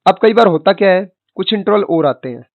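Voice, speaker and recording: This maths teacher's voice is high and a little fast, with lively intonation and some vocal fry. Lecturing online in a chatty way, he calls students kid and boss and asks their questions on their behalf, then answers. The sound is dry, tinny and phone-like, without echo.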